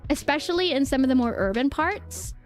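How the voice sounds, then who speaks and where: Speaking fairly quickly and with lots of animation, a woman with a high-pitched voice explains things to her livestream viewers. She's informal and giggly, often repeating phrases, while music plays in the background.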